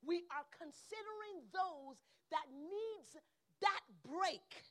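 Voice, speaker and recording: An American woman preaching a sermon in a church, swinging from loud proclamation to hushed whispers and calling out to the congregation. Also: very high voice, slow pace. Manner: call-and-response with the congregation.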